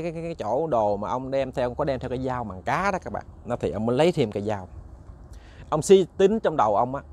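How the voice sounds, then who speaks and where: A man's voice: mid-range voice, no room sound. A man with a Southern Vietnamese accent, hosting and casually telling a ghost story straight to his listeners, often repeating words as he searches for the next one. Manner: chatty, repeats words while searching, addresses listeners directly. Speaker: ghost story narrator, channel host.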